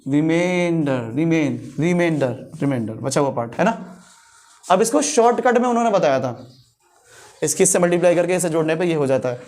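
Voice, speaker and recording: A male math teacher with a Hindi accent and a fairly high voice. He teaches a classroom lecture and keeps firing short questions at his students, then answers them himself. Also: expressive, fairly quick, a little mellow. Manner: quizzing students with repeated questions.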